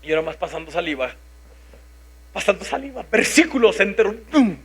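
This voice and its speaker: A man's voice: sits high, a little fast, breathy edge. A man in his thirties with a Mexican Spanish accent, preaching a sermon, telling a personal story and acting out his own thoughts. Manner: animated, acts out his own inner voice.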